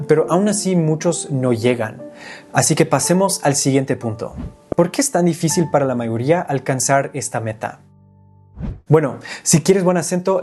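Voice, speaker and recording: A young man whose first language is English, hosting a scripted lesson and explaining clearly step by step. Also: fairly high pitch, a little mellow. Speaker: language teacher and video host.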